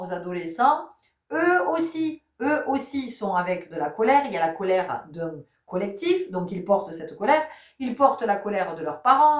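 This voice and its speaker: A woman who hosts a spiritual channel gives a teaching talk, repeating her key words, asking many rhetorical questions and noting that she isn't giving medical advice. Her medium-pitched voice sounds roomy and set back, far from the mic.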